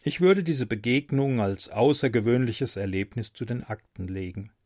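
A man narrating a first-person fantasy audiobook in a wry, expressive storytelling manner. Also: medium pitch, moderate pace, no echo, studio quality.

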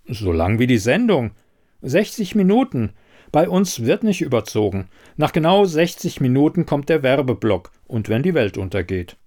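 A man's voice: medium pitch, sing-song, moderate pace, a little mellow, natural voice. A man reading the part of a polite, slightly evasive male TV quiz host in a read-aloud story. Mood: defensive.

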